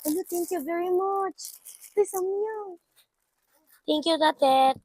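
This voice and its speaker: A woman's voice: extremely high pitch, takes it slowly, very noisy. A young woman vlogging casually as she unboxes, exclaiming often and mixing English with her own language. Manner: excitable, exclaiming, mixes English with local talk.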